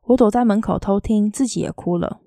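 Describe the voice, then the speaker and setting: Woman reading as a blunt, fierce teenage girl, gently lilting, mellow voice, dry close sound. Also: mid-range voice, fairly quick, vocal fry, no echo, natural voice. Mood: teasing, sad. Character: fierce, blunt teenage city girl, secretly gravely ill.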